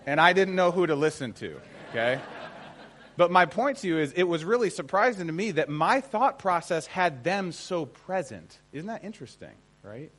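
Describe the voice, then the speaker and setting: A conversational American man teaches an informal seminar lecture to an audience, speaking emphatically and often checking in with his listeners. His voice is high-pitched and a bit bright, with lively intonation at a moderate pace.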